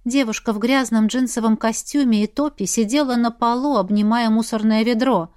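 A woman's voice: a little high, fairly even intonation, normal speed, a little mellow, no room sound, clean studio sound. Woman reading an audiobook. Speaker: audiobook reader. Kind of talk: scripted narration.

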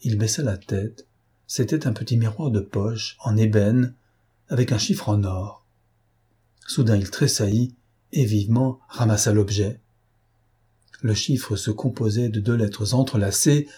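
Man narrating audiobook, measured, dark mellow tone, husky. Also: fairly low pitch. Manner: measured, literary.

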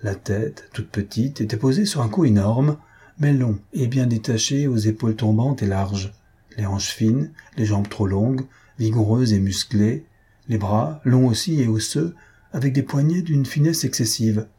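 A man reading a novel aloud in even, measured scripted narration. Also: medium pitch, husky. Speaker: audiobook reader.

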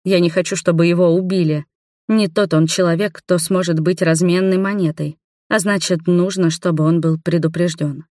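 Calm woman reading an audiobook. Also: lowish voice, moderate pace, no room sound, studio quality. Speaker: audiobook reader. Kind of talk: first-person audiobook narration.

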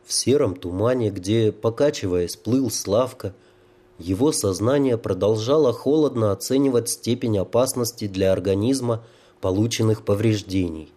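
A man reading an audiobook in a slow, measured narration. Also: on the low side, mellow.

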